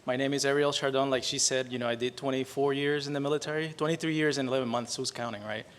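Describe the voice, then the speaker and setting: A Puerto Rican man in his forties, a native Spanish speaker with a Puerto Rican Spanish accent, opens with chatty, self-deprecating storytelling, often ending sentences with "right?". His medium-pitched voice is fairly bright and even in intonation, and he speaks quickly over a little hiss or hum.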